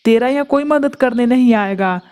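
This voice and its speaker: A woman's voice: on the high side, normal speed, darkish tone, close to an everyday voice. A woman voicing a greedy, menacing male eagle in a cartoon, taunting and boastful. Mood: gloating menace. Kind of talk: Hindi cartoon voice acting.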